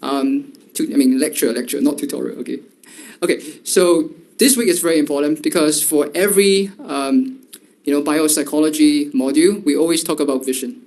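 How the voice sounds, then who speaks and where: Man lecturing with a gravelly voice. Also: on the high side, fairly quick, darkish tone. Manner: filler-heavy, repeats "right?" and "okay". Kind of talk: university lecture.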